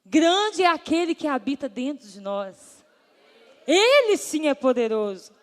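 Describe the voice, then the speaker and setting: Woman, pastor, earnest testimony preaching, high voice, long hall echo. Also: sing-song, a little slow. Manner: earnest, addresses listeners as brothers and sisters.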